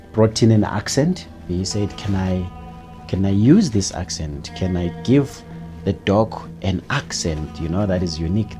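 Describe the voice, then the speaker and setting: A man from the film's crew, enthusiastically praising the cast in a behind-the-scenes interview. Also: sits low. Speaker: filmmaker.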